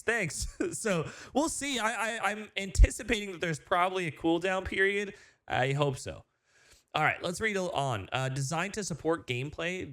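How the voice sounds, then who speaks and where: Guy reading game patch notes out loud n chatting about them, lots of uhs, kinda sleepy. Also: on the high side. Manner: chatty, many fillers and restarts, reads aloud then reacts. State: yawning, early morning. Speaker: gaming video host.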